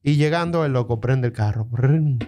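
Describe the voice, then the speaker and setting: A man's voice: mid-range voice, brisk, a little mellow. A young man with a Dominican accent casually telling a story to friends, full of street slang.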